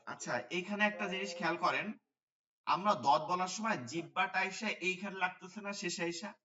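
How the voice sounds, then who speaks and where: A man's voice: high voice, fairly quick, pushed and bright, reverberant, recorded from a distance, dull audio. A man teaching Quran letter pronunciation in an online class, patiently repeating the sounds and checking with his students. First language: Bengali.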